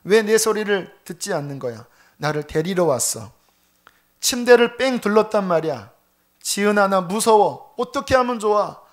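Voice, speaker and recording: A man's voice: sits high, lively intonation, normal speed, voice pushed up. A man voicing a terrified, dying middle-aged husband who begs and pleads in panic. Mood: terrified pleading. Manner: panicked, begging, near tears.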